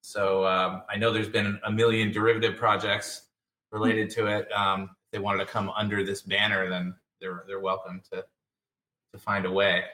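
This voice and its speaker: Rambling bright-voiced man, far in an echoey room. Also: on the low side, completely flat delivery. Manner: rambling, halting restarts. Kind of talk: casual panel chat. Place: shared room with other guests.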